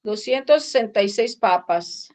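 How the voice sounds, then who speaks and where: A woman with a Mexican accent reading scripture aloud slowly and carefully in a Bible study class. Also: mid-range voice, animated, a little mellow. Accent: Mexican Spanish. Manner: slow, careful reading with pauses. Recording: dull lo-fi sound.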